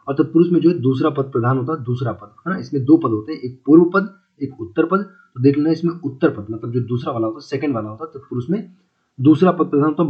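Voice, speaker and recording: A man teaching a casual exam-prep Hindi lesson, repeating key words and asking listeners if they follow. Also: mid-range voice. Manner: repeats key words, asks checking questions; chatty, calls listeners brother and friends. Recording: slightly dull lo-fi audio.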